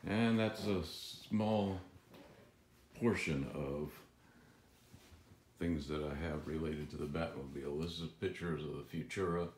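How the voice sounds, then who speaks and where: A man giving a relaxed, rambling tour of his collection at home, filmed on a handheld phone, with frequent chuckles. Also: very deep voice, a little slow, reverberant, slight background noise. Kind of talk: casual filmed walkthrough. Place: room in a home.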